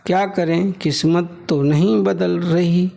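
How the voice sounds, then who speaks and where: A man's voice: high-pitched, fairly even intonation, takes it slowly, vocal fry, mellow, voice pushed up, exaggerated voice. A man reading a novel aloud, voicing a poor, hardworking young husband who pleads and soothes in a resigned way. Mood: soothing.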